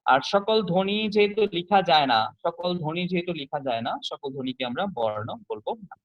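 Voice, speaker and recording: A man teaches a class over a video call and walks through each point slowly, repeating it before he moves on. His voice sits a little high. The audio is dull and lo-fi, as on an online call. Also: expressive. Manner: explains step by step, repeats key points, asks students questions.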